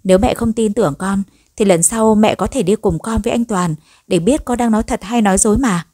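A woman voicing a gentle, polite pregnant young wife in a storybook reading. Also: mid-range voice, brisk, no echo, clean studio sound, close to an everyday voice. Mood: pleading. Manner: soft, pleading, polite.

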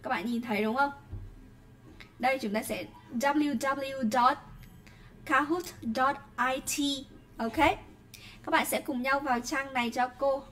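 A woman with a Vietnamese accent teaching an online English class, pronouncing words slowly and carefully, then explaining in quick bursts with frequent checking questions. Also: sits high, fairly even intonation, fairly bright tone.

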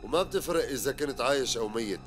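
An actor playing a ruthless, mocking gang leader with a Syrian Arabic accent, barking orders in a TV drama. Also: male voice, mid-range voice, expressive, rapid-fire, fairly bright tone, faint music behind, close to an everyday voice. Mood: cold. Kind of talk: television drama acting.

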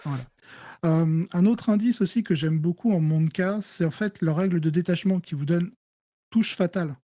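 A French-accented man talking through strategy for a tabletop wargame in a relaxed, mellow voice. He explains things step by step, trailing off into fillers and restarting his sentences. The sound is dry and close. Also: sits high, normal speed, no echo. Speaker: guest player. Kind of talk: casual gaming discussion.

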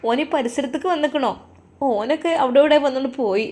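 A woman's voice: high voice, quick pace, darkish tone, pitched above the performer's own voice, natural voice. A woman voicing a protective, indignant middle-aged mother in a storybook tale, scolding and comforting, with a Malappuram Malayalam accent.

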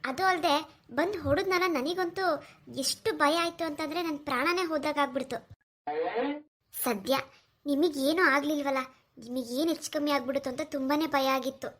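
A woman doing a gentle, tearful village girl. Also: high-pitched, normal speed, long pauses. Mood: worried. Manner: soft, emotional, earnest. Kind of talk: cartoon voice acting.

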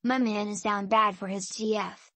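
A woman's voice: medium pitch, fairly even intonation, moderate pace, fairly bright tone, faint music behind. A woman voicing cheeky livestream fans, reading their donation messages aloud. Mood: fond, teasing.

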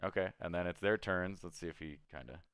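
A man's voice: deep voice, fast, a bit bright, clean tone, dry recording. A man acting as dungeon master, narrating loosely with hesitant restarts. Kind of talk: running a tabletop game over a call.

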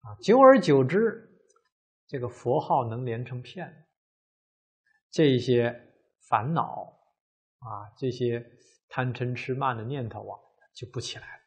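Man, buddhist lecture, unhurried, breathy-husky voice, frequent "ah" fillers. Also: medium pitch, expressive. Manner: measured, drawn-out, many "ah" fillers. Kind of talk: dharma lecture.

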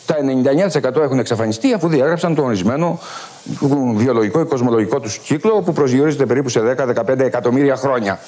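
Husky middle-aged man giving a lecture. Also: medium pitch. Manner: animated storytelling, emphatic and wordy. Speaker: philosophy professor. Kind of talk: university-style lecture. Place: lecture hall at a military school.

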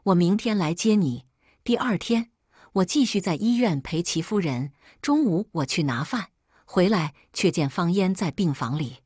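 A woman narrating a first-person story in an even, unhurried reading. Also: on the low side, breathy edge, dry recording, studio quality.

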